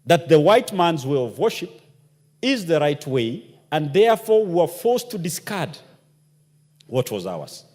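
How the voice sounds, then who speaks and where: A member of parliament delivers an impassioned speech in the parliament chamber, posing rhetorical questions, with long hall reverb on the recording. His voice is a little high and a little mellow, unhurried, with big swings in pitch.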